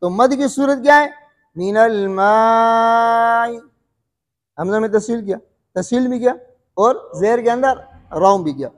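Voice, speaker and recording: A man's voice: very high-pitched, lively intonation, normal speed, big-room sound. A male Quran recitation teacher giving a classroom lesson, repeating each question and answering it himself, often checking whether the students follow.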